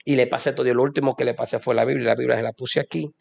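A man's voice: mid-range voice, fairly even intonation, rapid-fire, gravelly, a little mellow. A young man telling a fervent religious testimony in a preachy way. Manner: preachy, fervent, addresses listener as "amado". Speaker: guest giving a testimony.

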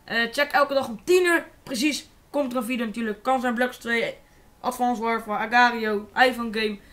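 Bright-voiced teenage Dutch gamer. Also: male voice, very high voice, moderate pace. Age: teens. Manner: casual, excitable, swears freely. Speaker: gaming YouTuber. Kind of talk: live gameplay commentary.

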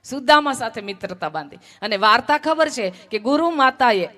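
A woman's voice: on the high side, animated, moderate pace, pushed and bright. A woman from Gujarat telling a devotional story as a sermon, emphatic and fond of repeating phrases. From Gujarat, India.

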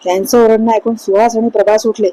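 A woman narrating a horror story in a measured, suspenseful way. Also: a little high, level tone, warm tone, no room sound, poor audio.

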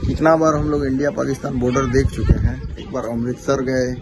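A man's voice: medium pitch, fairly even intonation, fairly quick. A man in his forties telling a temple legend and pointing out sights, recorded on a phone outdoors at a seaside temple. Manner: storytelling, explanatory. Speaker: travel companion. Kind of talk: casual explaining on camera. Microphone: phone camera nearby. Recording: loud crowd and outdoor noise.

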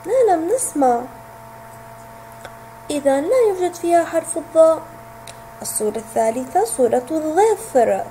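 A woman teacher with a high, warm, mellow voice that swings up and down a lot. She speaks slowly and sounds out each letter and word for small children. A faint hum runs under the recording. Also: rough recording. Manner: slow, clearly sounding out letters and words; asks questions, then answers them herself. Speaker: kindergarten teacher.

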